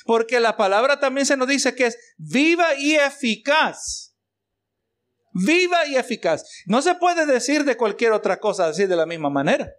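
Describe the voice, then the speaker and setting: A man's voice: very high voice, lively intonation, moderate pace, fairly bright tone. A man preaching a sermon as pastor, mixing rhetorical questions and exclamations of praise for the congregation.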